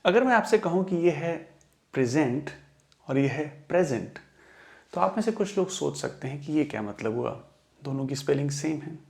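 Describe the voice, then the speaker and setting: A young man teaching English pronunciation in Hindi, slowly sounding out example words and sentences. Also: fairly high pitch, vocal fry, darkish tone. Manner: slow, careful word-by-word demonstration. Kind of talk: explaining lesson in Hindi.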